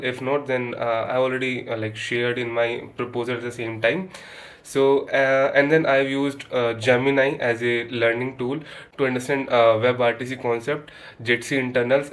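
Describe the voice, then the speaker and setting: A man presenting his program proposal in a recorded pitch, hesitant with frequent "uh" fillers. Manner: hesitant, many uh fillers, flat delivery.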